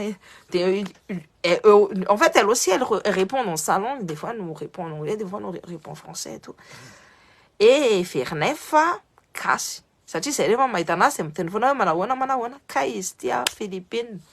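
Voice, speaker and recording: A woman's voice: mid-range voice, gravelly. A woman talking casually on a live stream, switching between French and Malagasy, greeting viewers by name and often restarting her words. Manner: lots of restarts and repeated words. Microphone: phone on a social live stream.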